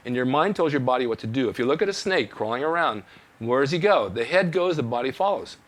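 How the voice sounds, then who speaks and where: Fast-talking older male fitness host. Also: medium pitch, lively intonation. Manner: folksy storytelling, motivational. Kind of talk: casual chat.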